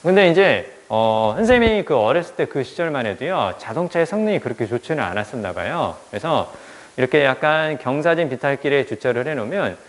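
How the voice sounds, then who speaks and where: A man's voice: mid-range voice, fairly quick, big-room sound. A male teacher telling a childhood story in a lecture, acting out the people he quotes. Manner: animated, acts out quoted voices. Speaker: English teacher.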